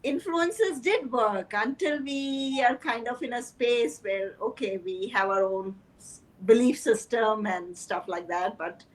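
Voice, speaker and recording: A woman's voice: on the high side, unhurried, rough recording. A woman who is a life coach, speaking as a guest in a casual chat, thoughtful and hesitant, with fillers.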